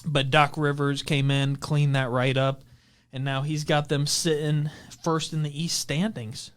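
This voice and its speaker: A man with a smooth, resonant voice talks through upcoming basketball games. He goes through dates and matchups, stopping often on small fillers, in a relaxed podcast chat. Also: on the high side, unhurried. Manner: runs through game schedules with fillers. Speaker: podcast co-host. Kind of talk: casual sports chat.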